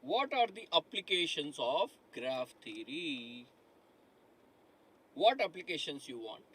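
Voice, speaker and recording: Very animated yet slow, a middle-aged man's slightly high, somewhat bright voice carries a breathy edge on a rough recording. He's teaching a live online lecture in a studio with a dark digital board, asking the class questions, repeating himself and frequently saying "my dear friends."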